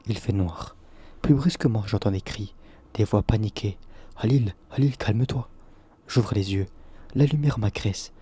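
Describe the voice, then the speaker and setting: A man narrating a first-person horror story for falling asleep, in short, even sentences. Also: lowish voice, moderate pace, slightly rough.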